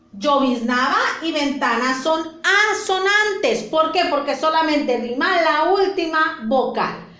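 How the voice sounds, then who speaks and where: A woman's voice: sits high, fairly bright tone, roomy sound. A woman with a Mexican accent teaching children a lesson, patient and explaining step by step. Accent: Mexican Spanish. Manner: patient, explains step by step, repeats points with diminutives.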